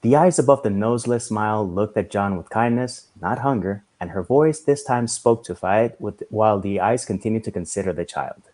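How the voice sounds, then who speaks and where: Low-voiced man reading a story. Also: moderate pace, hardly any pauses, a little mellow. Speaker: reader. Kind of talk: reading fiction aloud.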